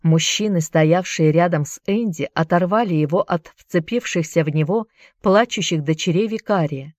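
A woman narrates a novel in a steady, measured audiobook reading. Her voice sits fairly low, and the recording is dry and close, with no room around it. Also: dry recording. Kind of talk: scripted narration.

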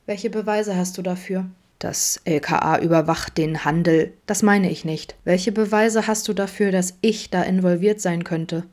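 A woman's voice: lowish voice, moderate pace, hardly any pauses, a little mellow, close to an everyday voice. A woman playing a cold, smug policewoman. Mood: dismissive. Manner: cool, dismissive.

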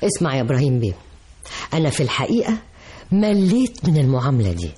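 A woman's voice: rumbling low, sing-song, fast, dark tone. An actress with an Egyptian accent playing a domineering wealthy older businesswoman and mother in a radio drama, speaking in a commanding way. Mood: stern. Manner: imperious, commanding.

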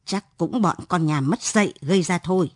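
A woman's voice: fairly low pitch, moderate pace, dry recording, studio quality, natural voice. Woman reading as a stern, threatening old father. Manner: gruff, scolding.

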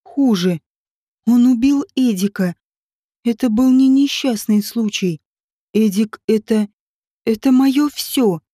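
A woman's voice: a little high, slow pace, long pauses, dark tone, no room sound, clean studio sound. A woman reading a tearful, vengeful rich woman. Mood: distraught. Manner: tearful and tense. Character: rich, grieving woman bent on revenge. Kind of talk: audiobook character reading.

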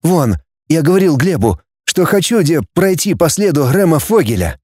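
A resolute young man lays out his plan earnestly, read by a male narrator close to his own voice. The tone is mellow and dry, with lively rises and falls. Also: fairly high pitch, moderate pace, breathy edge, no echo, voice pushed up. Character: determined young man, the hero.

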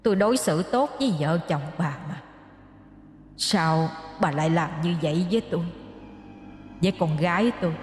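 A woman voicing the vengeful ghost of a wealthy woman, speaking in a hushed, cold, accusing voice. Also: fairly low pitch, normal speed, long pauses, echoey room, big-room sound, soft background music, lightly acted. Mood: menacing.

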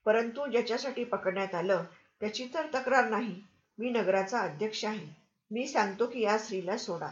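A woman's voice: medium pitch, moderate pace, lightly acted. A generous town president speaks firmly and with authority, read by a woman. He sounds like a figure in a storybook reading. The sound is roomy and slightly muffled. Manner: firm, commanding. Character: generous male town president, firm and kind. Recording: roomy, slightly dull recording.

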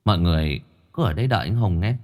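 A man voicing a brooding female ghost, speaking low and quick. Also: animated, a little mellow.

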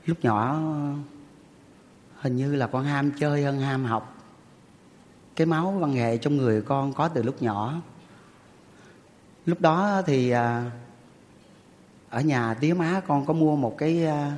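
A man's voice: a little high, big-room sound. A middle-aged man with a Southern Vietnamese accent, politely and animatedly telling stories about his childhood. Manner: polite, answers with "dạ". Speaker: guest telling life stories. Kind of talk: casual spoken storytelling.

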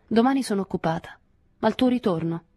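A woman reading an audiobook, voicing an angry, sharp-tongued young woman who lashes out with biting remarks. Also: expressive, a little fast, no echo, natural voice. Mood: cold. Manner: aggressive, shrill outbursts.

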